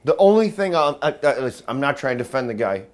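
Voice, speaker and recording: A man in casual chat, tipsy and defensive, speaking in hesitant, halting bits. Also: medium pitch, big pitch swings. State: drunk.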